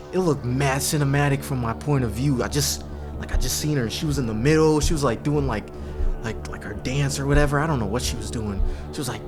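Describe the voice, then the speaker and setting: A man telling a spooky story in a casual, rambling, jokey way in a community TV studio, filling his talk with "like". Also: medium pitch. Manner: rambling, lots of "like", animated and jokey.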